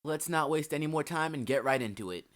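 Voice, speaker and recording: A man's voice: fairly high pitch, quick pace, fairly bright tone. A young man giving a scripted, earnest album review with dry asides, hosting his own video. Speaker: music reviewer. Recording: faint music bed behind voice.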